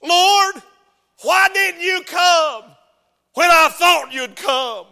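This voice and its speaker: A woman's voice: extremely high pitch, drawn-out words, pitched above the performer's own voice, exaggerated voice. A man voicing a grieving, impulsive woman who cries out in anger and pleading, in a hall with long reverb. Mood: upset pleading. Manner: raised, shouting outbursts.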